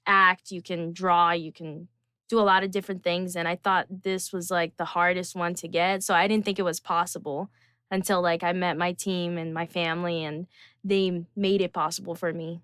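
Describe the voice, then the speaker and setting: A woman's voice: lowish voice, flat delivery, moderate pace, a bit bright, clean tone, dry recording, clean studio sound. A young woman from Brazil, a singer chatting as an interview guest in a bubbly, rambling way with many fillers. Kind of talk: casual interview chat.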